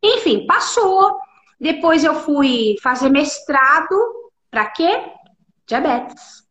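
A woman's voice: high voice, expressive, takes it slowly, a bit bright. A woman in her forties, a clinical nutritionist, telling her story in an interview and acting out the dialogue she quotes. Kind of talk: interview conversation.

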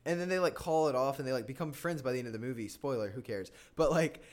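A man's voice: mid-range voice, quick pace. A man co-hosting a podcast in casual chat, rambling through a movie's plot and laughing often. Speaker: podcast co-host.

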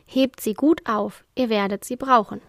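A woman's voice: on the high side, steady tone, normal speed, no echo, clean studio sound, close to an everyday voice. A woman voicing a cheerful female character who organizes a riddle hunt in a children's story, upbeat and encouraging.

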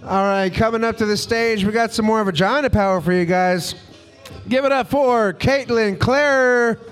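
A man hosting a comedy show, announcing the next act with quick, upbeat banter. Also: high-pitched, smooth, faint music behind. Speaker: host. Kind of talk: emcee banter.

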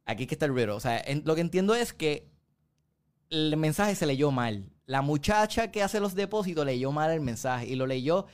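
Guy excitedly retelling a show plot, kinda high voice, switches into english a lot. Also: normal speed, clear, resonant tone. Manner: animated storyteller, mixes English into Spanish.

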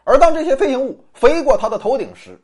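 A narrator delivering a scripted documentary in a dramatic, suspenseful true crime storytelling manner, with a husky voice. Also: high-pitched, lively intonation, fast.

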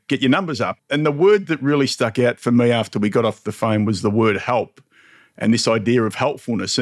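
A man's voice: medium pitch, no echo, studio quality. A middle-aged man hosting a podcast in a laid-back, chummy way. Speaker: podcast host. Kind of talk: casual podcast chat.

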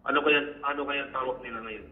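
A male caller speaks over a thin, phone-like line. He talks in a halting, low-key way, at a middling pitch. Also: fairly even intonation.

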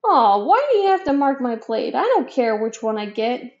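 A woman's voice: fairly high pitch, sing-song, moderate pace, roomy sound. A woman reading aloud, voicing a young schoolboy who sounds fed up and pleading. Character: young schoolboy, grumbling then earnest. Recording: dull lo-fi recording.

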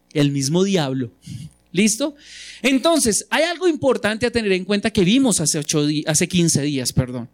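A man preaching a sermon in a conversational way, often checking in with his listeners with quick questions. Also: sits high. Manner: conversational, asks the audience frequent questions.

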